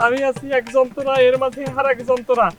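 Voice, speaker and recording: A man playing a fast-talking, fretful village guy. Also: very high voice, little pitch movement. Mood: exasperated. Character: short young village man unlucky in love. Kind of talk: comic village drama acting. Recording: faint music underneath.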